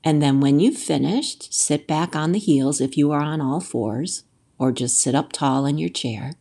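Yoga instructor, woman, low register, unhurried pace, gentle and measured guided-practice delivery. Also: vocal fry, husky. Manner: gentle, measured, soothing guidance with pauses.

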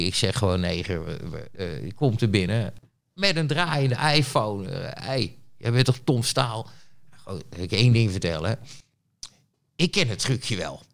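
Man, interview guest, blunt, rambling, filler-heavy, mid-pitched voice. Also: creaky. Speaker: interview guest, street reporter. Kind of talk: casual storytelling.

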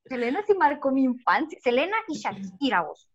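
A woman's voice: high-pitched, very animated, moderate pace, husky, muffled recording. A woman with a Guatemalan accent reminiscing in casual chat, full of filler tags. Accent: Guatemalan Spanish. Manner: chatty, peppers speech with "va" and "vos".

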